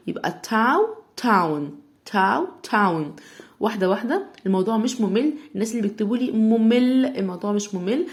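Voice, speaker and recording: A woman with an Egyptian Arabic accent teaching English phonics, sounding out words slowly part by part. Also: mid-range voice. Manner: slow stretched sounding-out of word parts, loud on examples. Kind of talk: phonics lesson.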